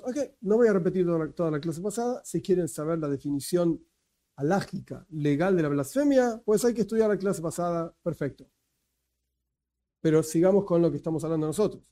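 A man's voice: on the high side, mellow. A man with an Argentine accent giving a conversational lecture as a teacher, explaining patiently and slipping in joking asides. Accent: Argentine Spanish.

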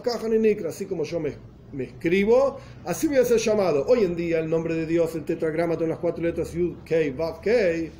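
A man teaches a religious lesson, working through each idea carefully and rephrasing as he goes. His voice sits a little high but sounds mellow and warm. A faint hiss of background noise runs under the recording. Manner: earnest, explains step by step, often restating and rephrasing. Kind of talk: explanatory lesson in Spanish with Hebrew and Yiddish terms.

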